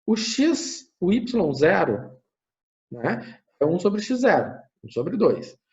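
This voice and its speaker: Male math lecturer, lively rising and falling delivery, thinks aloud, self-correcting, dull lo-fi sound. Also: high voice, slow. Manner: thinks aloud, tags phrases with "né?", corrects himself. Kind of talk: recorded classroom lecture. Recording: muffled lo-fi recording.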